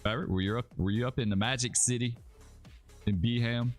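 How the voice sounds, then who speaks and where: This gamer host from Alabama, USA, rambles through his live stream in a relaxed manner, talking to viewers and dropping "dude" and "bro." His mid-range voice is a little fast with fairly even intonation, and soft music plays behind him.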